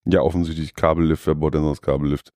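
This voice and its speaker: A man with a very deep, mellow voice chats in an eager, relaxed way. The sound is dry. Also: fast talker, no room sound. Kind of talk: casual chat about theme parks.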